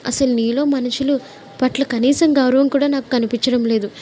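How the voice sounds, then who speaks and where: A woman's voice: high-pitched, fairly even intonation, normal speed, darkish tone, a little hiss or hum, natural voice. A woman voicing a bold, caring young woman who scolds fiercely in a read-aloud story. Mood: furious. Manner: fiery, scolding outbursts.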